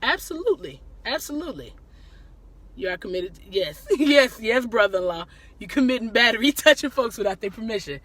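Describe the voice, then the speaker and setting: A woman's voice: on the high side, sing-song, fairly quick, a bit bright, no echo. A woman hosting a live stream, chatting casually with viewers, greeting them by name and laughing often, with a lilt.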